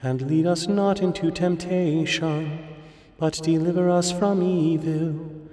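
A man leads morning prayer in a slow, even intonation, his mellow voice half-spoken and half-chanted. A cathedral echo carries every phrase through the long reverb of a large church, with faint music somewhere behind him. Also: on the high side. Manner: measured, intoning responses and prayers. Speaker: officiant leading morning prayer. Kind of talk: liturgical recitation, partly chanted.

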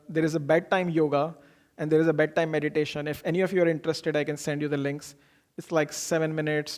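A man gives an informal motivational talk, explaining earnestly through personal anecdotes and posing questions that he then answers. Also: a little high. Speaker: speaker giving a self-improvement talk.

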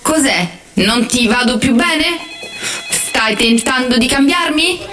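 A woman's voice: high-pitched, animated, slow pace, sharp tone, soft background music, full character voice. A woman playing a touchy, sarcastic, passive-aggressive female satnav assistant in a comedy sketch. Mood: offended sarcasm.

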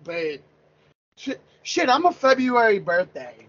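A Pennsylvania man in his thirties talks sports casually, rambling, repeating words, and restarting often. His voice is very high-pitched, sing-song, and a bit bright, moving a little slowly. The recording sounds lo-fi and dull.

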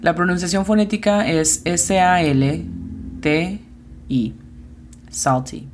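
Slow, low-voiced woman teaching English. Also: noisy background. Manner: slow, careful explanations, spelling out sounds. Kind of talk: podcast language lesson.

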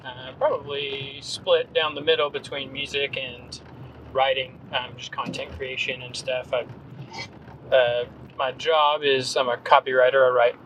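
A man's voice: mid-range voice, little pitch movement, a little slow, a bit bright, a little hiss or hum, rough recording. A man in his thirties from North Carolina, a podcast guest talking casually with many ums and restarts. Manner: hesitant, rambling, frequent ums and restarts. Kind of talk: casual conversational interview.

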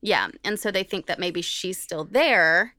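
Speaking at a measured pace in a fairly low voice, a woman co-hosting a podcast recounts a story in a relaxed way. She brings it to life by performing the quoted lines. The studio-quality audio carries no room sound.

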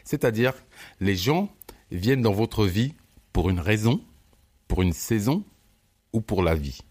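A man co-hosting a podcast in casual chat, animated and slangy, often stammering on repeated words. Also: mid-range voice. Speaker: podcast co-host.

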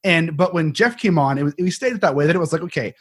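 Fast-talking, slightly husky higher-pitched man. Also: lively intonation. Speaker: podcast co-host. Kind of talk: casual podcast chat.

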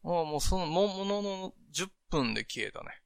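A man's voice: fairly high pitch, animated, normal speed, creaky, clean tone, no room sound, clean studio sound. A man with a Kansai accent co-hosting a casual podcast, asking curious questions and joking. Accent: Kansai Japanese. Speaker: co-host learning English.

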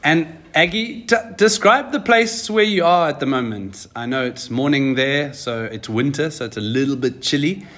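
A man's voice: medium pitch, moderate pace, few pauses. Enthusiastic male podcast interviewer. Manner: enthusiastic, lively questioning. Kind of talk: interview chat.

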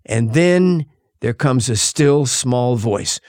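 A male pastor preaching a sermon, shifting dramatically between loud and hushed delivery. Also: mid-range voice, expressive, takes it slowly, no echo, studio quality.

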